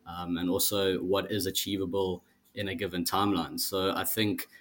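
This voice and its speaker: A young man in his twenties introducing himself as a guest on a casual podcast, in a measured way with some fillers. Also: low-pitched, little pitch movement, fairly bright tone. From South Africa. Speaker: guest, project team member.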